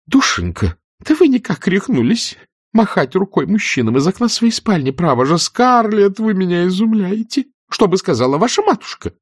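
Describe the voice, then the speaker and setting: A male narrator voicing a fussy, easily tearful older aunt in a high, flustered voice for an audiobook. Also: very animated, moderate pace, husky, no room sound, studio quality, heavily acted. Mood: scandalized.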